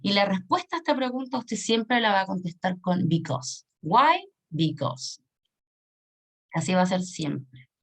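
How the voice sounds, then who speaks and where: A woman teaches an online English lesson in an expressive, mid-range voice at normal speed. She explains patiently, repeats key points, and keeps checking that her students are following.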